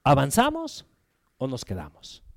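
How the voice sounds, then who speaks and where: A man's voice: mid-range voice, huge pitch swings, unhurried, gravelly. An older man, a pastor, preaching a sermon in a conversational way, asking rhetorical questions and acting out quotes.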